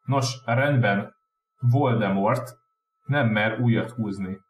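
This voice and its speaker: A man voicing a calm, wise old male headmaster with a gentle, measured manner, in a roomy room. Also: lowish voice, far from the mic, slight background noise, close to an everyday voice. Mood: modest.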